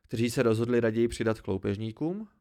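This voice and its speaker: A man's voice: mid-range voice, mellow, close to an everyday voice. A man reading the lines of a blunt, practical woman mercenary in an audiobook, doubtful and questioning.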